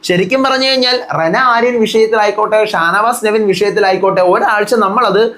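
A man's voice: sits high, a little fast, a bit bright. A young man reviewing a reality show to camera in a heated, casual way, firing rhetorical questions at his viewers and scolding them.

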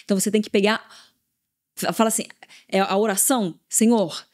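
A woman with a Brazilian Portuguese accent hosting a casual question-and-answer talk on church discipleship, animated and acting out quoted conversations. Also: medium pitch, quick pace. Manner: animated, acts out quoted dialogue. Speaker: host.

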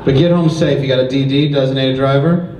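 A man's voice: mid-range voice, fairly even intonation, a little fast, distant mic. A middle-aged American man doing stand-up crowd work, bantering with someone in the audience. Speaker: stand-up comedian. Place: small comedy club stage. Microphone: handheld microphone. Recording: echoey club, loud crowd and noise. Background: laughing, noisy audience.

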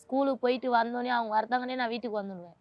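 A woman's voice: a little high, fairly even intonation, very fast, no echo, highs cut off. A woman, a mother of two, speaks in an emotional interview in a pleading, aggrieved and insistent way.

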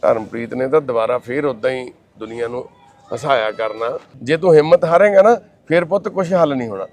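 A man's voice: mid-range voice, no room sound. A man speaking as a social worker, comforting a family and addressing his viewers with reassuring, fatherly words. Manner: warm, reassuring, calls others son and sister; recites prayer in a slow chanting voice. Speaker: social worker hosting the channel. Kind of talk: comforting talk and appeal to viewers.

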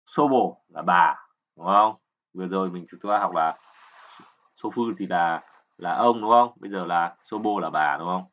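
A man gives an explanatory kanji lesson, patiently explaining and repeating words and constantly asking "right?" to check on his learners. His voice is low and fairly bright, at a moderate pace.

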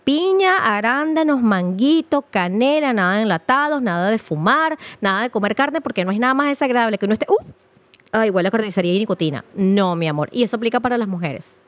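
A woman, a sexologist guest on a podcast, giving frank, playful advice in an animated, teasing way. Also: a little high, fairly quick, no echo. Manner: animated, teasing, says "mi amor".

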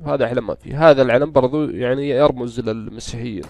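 A Saudi gaming YouTuber, his Gulf Arabic accent clear and his nose congested from a cold, grumbles and rambles through casual gameplay commentary. His medium-pitched, darkish voice moves at a quick pace with some vocal fry, captured in a dry recording.

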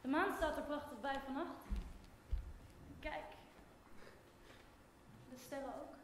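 A woman's voice: high voice, slow pace, fairly bright tone, slight background noise, exaggerated voice. A teenage girl in a school play voicing a torn young Trojan woman who pleads and wavers. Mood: wavering. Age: late teens. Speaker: student actor. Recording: very echoey hall from far off.

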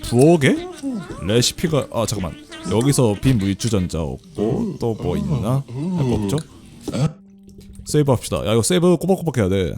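A man's voice: mid-range voice, sing-song, normal speed, over music. A man giving casual let's play commentary, chatty and often laughing as he reads the game text aloud. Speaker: game streamer.

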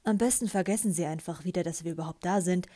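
A woman's voice: on the low side, normal speed, warm tone, lightly acted. A woman voicing a young man who speaks in a soothing, hypnotic tone.

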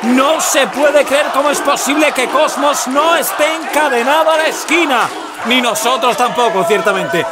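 A male wrestling commentator from Spain calls the action in a very high, straining shout. His Castilian delivery is emphatic and excited. A loud crowd and heavy noise surround him in the venue. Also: moderate pace. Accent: Spanish from Spain. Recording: noisy event hall with loud crowd.

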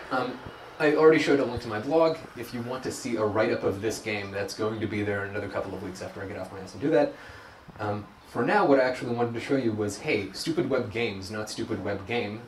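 A man's voice: medium pitch, fast. A young man giving a casual live demo talk at a tech meetup, rambling and self-deprecating with lots of ums and restarts. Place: meeting room at a hack night. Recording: echoey room, distant mic, faint noise.

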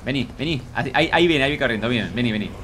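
Very fast and animated, a mid-pitched man streams a game with Rioplatense Argentine Spanish speech over a noisy background. He keeps up a chatter aimed at himself and viewers, repeating lines and describing himself in the feminine.

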